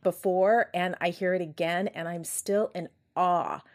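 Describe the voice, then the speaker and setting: A woman's voice: lowish voice, fairly even intonation, a little slow. A woman hosting an interview, reacting with admiration and asking her guest to walk through the story. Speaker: host.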